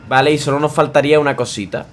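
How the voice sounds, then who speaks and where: A man's voice: a little high, fairly even intonation, racing, a little hiss or hum. A man from Spain streaming a game, joking crudely, swearing and chanting a vulgar singsong rhyme. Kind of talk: casual gameplay commentary.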